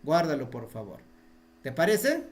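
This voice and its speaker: A man with a fairly high voice and a Peruvian Spanish accent leads an online language lesson. He repeats himself patiently and keeps quizzing the class. He is heard through a video call. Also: wildly swooping pitch, unhurried. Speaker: Quechua language teacher. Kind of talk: online class, explaining spelling.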